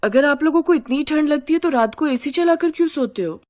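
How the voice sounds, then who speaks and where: A young newlywed bride in an animated storybook, pitched high and exasperated, as a woman puts her on. She talks with sarcastic, grumbling asides. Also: brisk, lo-fi sound, lightly acted. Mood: pleading, irritated.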